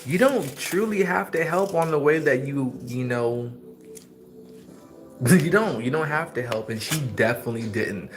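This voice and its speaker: A man's voice: mid-range voice, expressive, measured pace, over music. A man vlogging a casual mukbang, rambling on as he eats and talking with his mouth full. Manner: rambling, chats while chewing.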